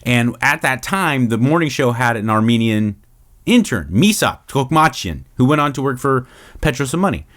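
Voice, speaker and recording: A man's voice: mid-range voice, very animated, moderate pace, a bit bright. A middle-aged man from Los Angeles, hosting a casual Q&A show, rambling and swearing freely. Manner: rambling, profane, lots of restarts. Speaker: podcast host. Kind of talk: casual Q&A monologue.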